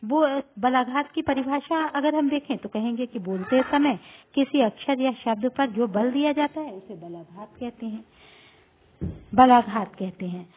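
A woman teaching a school grammar lesson, explaining terms slowly, repeating them and pausing on drawn-out fillers. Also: sits high, slight background noise. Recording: tinny phone-like recording.

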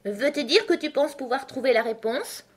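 Squeaky, humble storybook March Hare, put on by a woman reading aloud. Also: normal speed, breathy edge. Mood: plaintive. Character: male March Hare, meek and mournful.

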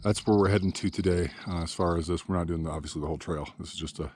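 A middle-aged man talking casually while hiking a mountain trail, speaking to a handheld action camera in a relaxed, rambling way with fillers. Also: low-pitched, rapid-fire, a little hiss or hum. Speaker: hiking vlogger. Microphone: action camera held at arm's length.

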